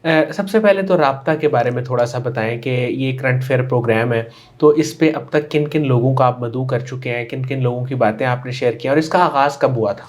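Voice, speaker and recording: A man's voice: mid-range voice, few pauses, darkish tone. A man hosting an interview show, introducing his guest and asking polite, formal questions. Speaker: interview host.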